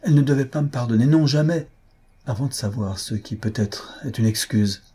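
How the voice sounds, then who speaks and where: A man reading an audiobook, voicing an impetuous, remorseful young gentleman who speaks in an impassioned, earnest and pleading way. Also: lowish voice, steady tone, normal speed, husky. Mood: vehement.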